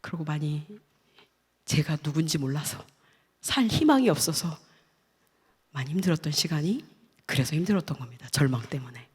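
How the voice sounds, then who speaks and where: A woman's voice: low-pitched, animated, normal speed, pauses often, breathy edge. A middle-aged woman shares her testimony before a church gathering. She talks earnestly, stacking short phrases one after another and sometimes sinking almost to a whisper. Her voice carries a long reverb from the church hall. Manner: earnest, stacks short listed phrases, drops to hushed tones. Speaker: guest speaker giving a testimony.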